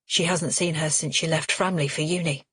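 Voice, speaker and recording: A woman's voice: low voice, fairly even intonation, moderate pace, fairly bright tone, husky, dry recording, studio quality, exaggerated voice. A woman voicing a tense grown-up son who answers his father in clipped, curt lines.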